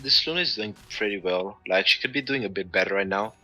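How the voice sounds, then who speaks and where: Low-voiced guy with a really sharp bright tone, picking apart plays, says like a lot. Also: quick pace, soft background music, poor audio. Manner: chatty critiques peppered with "like". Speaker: esports co-caster. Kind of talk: casual analysis commentary.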